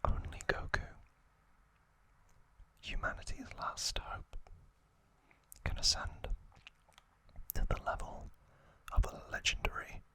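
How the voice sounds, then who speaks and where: A male ASMR host runs a trivia session in a breathy, unvoiced whisper close to the mic, drawing out phrases with frequent pauses. The audio is poor, sounding pushed and bright.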